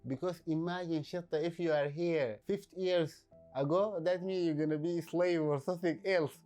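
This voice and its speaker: A man speaks in a documentary interview, in a mellow, warm voice. He talks reflectively, pausing and filling gaps as he searches for words. Soft music plays faintly beneath him. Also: fairly high pitch, fairly even intonation. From Sudan. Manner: reflective, halting with many fillers. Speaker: painter.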